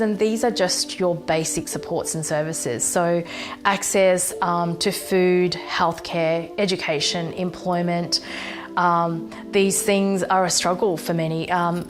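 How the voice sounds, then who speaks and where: A young woman speaks in a lowish voice, stopping often on fillers and restarting her sentences. She gives a sincere personal talk recorded at home, with faint music in the background. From Fiji. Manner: hesitant, many ums and restarts. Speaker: social impact program manager.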